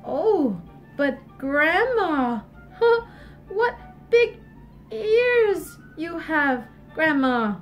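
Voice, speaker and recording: A woman voicing a sweet, innocent, easily frightened little girl in a storybook, with drawn-out, wide-eyed delivery. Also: very high voice, sing-song, lo-fi sound, faint music behind, heavily acted. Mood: puzzled wonder.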